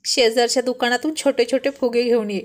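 A bossy young ringleader who teases and orders his friends about, as a woman narrator puts him on. His voice sits a little high and lively in the telling of the story. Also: a little fast, natural voice. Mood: teasing. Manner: bossy, teasing, scolding.

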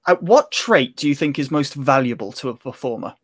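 A man hosting an interview show, asking set questions in a measured way. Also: medium pitch, expressive, no echo, studio quality.

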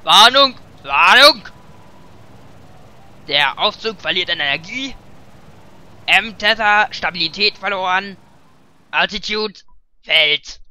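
A man's voice: sits high, animated, slow pace, long pauses, sharp tone, pitched above the performer's own voice, exaggerated voice. A man voicing an overheating robot alarm, calling out urgent, clipped warnings in a Let's Play.

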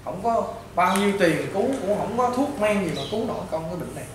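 A man's voice: high-pitched, lively intonation, fast talker. A man with a Southern Vietnamese accent, a priest and healer, counseling a patient bluntly and repetitively, as if to his own child. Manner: blunt, repetitive, lecturing, addressing the listener as a child. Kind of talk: informal counseling talk to a patient. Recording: echoey and distant with loud background noise.

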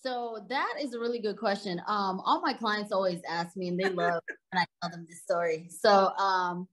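A Sudanese woman in her thirties, a native Arabic speaker, chats as an interview guest, laughing easily as she tells her story. Her voice is mid-range and her pace moderate.

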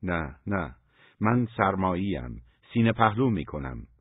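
Freezing, uneasy man asking questions, a male narrator doing him, husky low voice, thin phone-like sound. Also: very animated, no room sound, heavily acted. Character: cold, shivering man traveling in snow, uneasy. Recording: dry, phone-like narrow sound.

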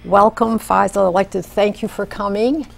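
A woman's voice: medium pitch, fairly even intonation, moderate pace, creaky. An older woman hosting a studio interview, speaking in a polite, formal way on a lapel mic. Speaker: host.

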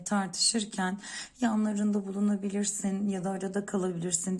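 A woman's voice: medium pitch, warm tone. A woman speaking as a coffee-cup fortune teller, giving unscripted predictions and advice directly to one listener in a searching way.

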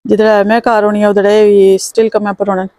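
A woman's voice: mid-range voice, flat delivery, fairly quick, mellow, no echo. A Pakistani woman chatting casually and expressively as she vlogs about her day in a homely way. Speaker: vlogger. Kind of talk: casual vlog chat. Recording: noisy phone vlog with vehicle sounds.

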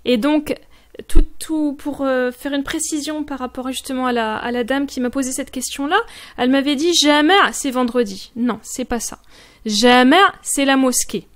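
A woman teaching Moroccan Arabic pronunciation, saying each word slowly and repeating it, and speaking to the viewer in a friendly, informal way. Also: sits high. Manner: slow, careful drilling of words with repeated examples. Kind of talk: pronunciation lesson addressed to the viewer.

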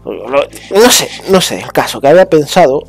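Hesitant young man musing aloud, soft music. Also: a little high, very animated, normal speed, creaky, breathy edge. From Spain. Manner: hesitant, full of restarts and fillers, shifting between soft and bright tones. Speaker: vlogger. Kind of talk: rambling casual monologue.

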